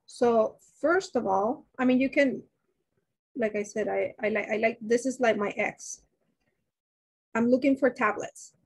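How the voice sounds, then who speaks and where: Indoors, on a webcam next to her shared slides, a woman teaching nursing solves a dosage calculation live online. She speaks unhurriedly in a slightly high, slightly rough voice, often restarting sentences and quizzing her students.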